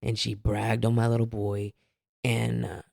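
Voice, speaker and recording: A man's voice: lowish voice, monotone, measured pace, gravelly, darkish tone, dry recording, clean studio sound. A man telling his family's story as a guest, candid and rambling, with a few self-aware laughs. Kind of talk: casual personal storytelling.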